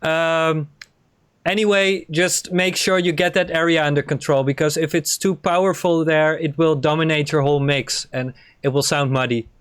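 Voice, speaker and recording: A man's voice: a little high, fairly even intonation, moderate pace, fairly bright tone, clean tone, dry recording. Laid-back male co-host, dry close sound. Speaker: show co-host. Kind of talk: casual chat.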